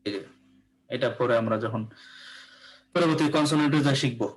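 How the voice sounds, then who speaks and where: A man's voice: mid-range voice, fairly quick, rough recording. A man with a Bangladeshi accent teaching English pronunciation in a live class, explaining patiently and often checking that students follow.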